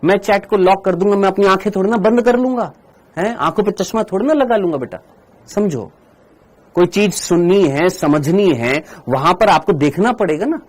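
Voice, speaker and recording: Man, online lecture, teacher, animated swooping pitch, rhetorical questions, firm friendly scolding. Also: normal speed. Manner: asks the class questions and answers them himself; mixes English terms into his talk.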